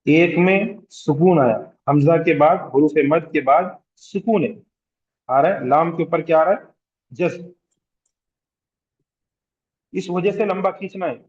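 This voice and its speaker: A man teaching Quranic recitation rules in a slow classroom lecture with a Hyderabadi Urdu accent, repeating terms, asking the class questions and drawing out vowels to show their length. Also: fairly high pitch, darkish tone, highs cut off. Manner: draws out vowels to demonstrate elongation. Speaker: tajweed teacher.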